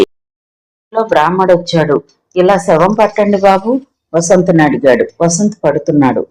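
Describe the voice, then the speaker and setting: A man with a notably high voice narrates a novel in an audiobook reading. His delivery is steady and even, keeping to a calm storybook pace. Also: poor audio.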